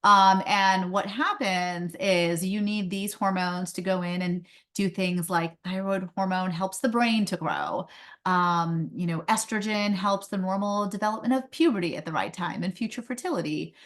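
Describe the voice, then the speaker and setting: A woman with a medium-pitched, fairly bright voice speaks at a normal pace during a webinar presentation on a video call. She grew up in India and is both a pediatrician and a company founder. Her delivery is conversational, with lots of "um"s and light laughs.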